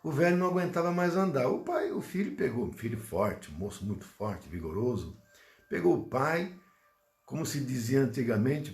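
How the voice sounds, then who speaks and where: A Brazilian Portuguese man gives a spiritual talk, telling a story animatedly before a hushed closing prayer. His pitch rises and falls widely, and his middle-range voice is steady. The room adds a clear echo. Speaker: Spiritist lecturer. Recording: roomy echo.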